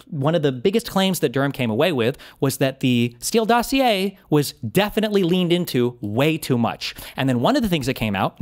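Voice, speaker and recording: Male debater, rapid, animated delivery, argumentative and pressing his points. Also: sits high. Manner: argumentative, insistent, repeats his challenges. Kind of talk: heated political debate.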